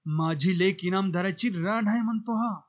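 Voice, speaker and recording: A man voicing an enraged, burly male beggar who speaks loudly and bluntly. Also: sits high, normal speed, muffled recording, natural voice. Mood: angry.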